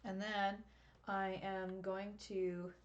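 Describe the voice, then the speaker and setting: A woman giving a live colored pencil drawing tutorial over a webcam, chatty and quick to laugh at herself. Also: medium pitch, level tone, lo-fi sound, slight background noise. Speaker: art teacher.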